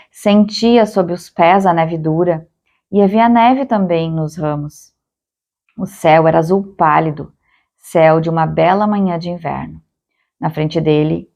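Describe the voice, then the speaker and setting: A woman narrating a children's audiobook in a calm, measured storytelling manner. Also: on the low side, gravelly. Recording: dull lo-fi recording.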